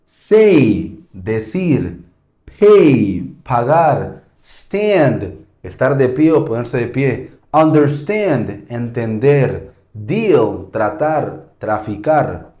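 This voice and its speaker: A man gives a language lesson at an unhurried pace, saying each word form slowly and with deliberate stress. His pitch swings widely as he goes. The recording has a noticeable echo from the room. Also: sing-song, mellow. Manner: slow, deliberate, repeats each verb form with falling stress. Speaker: English teacher.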